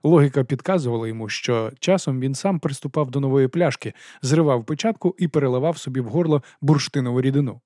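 A man narrating an audiobook in a steady, even reading voice. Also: mid-range voice, fast, hardly any pauses, no echo, studio quality. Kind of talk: scripted narration.

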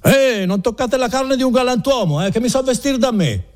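A man voicing a frightened, indignant young male peasant who protests loudly, in a husky voice. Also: very high-pitched, animated, moderate pace, pitched above the performer's own voice. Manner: loud, protesting.

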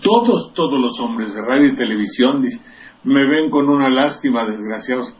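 A man's voice: mid-range voice, expressive, normal speed. An older man from Veracruz with a Mexican accent, giving rambling, sardonic and profane political commentary as a radio host. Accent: Mexican Spanish. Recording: distant, dull lo-fi radio recording with faint hiss.

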